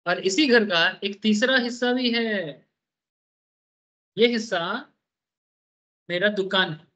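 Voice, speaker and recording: A man's voice: sits high, slow, sharp tone. A man teaching a tax class, playfully quizzing his students with repeated questions as he draws on a board. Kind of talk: classroom lecture with drawing. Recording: dull lo-fi recording.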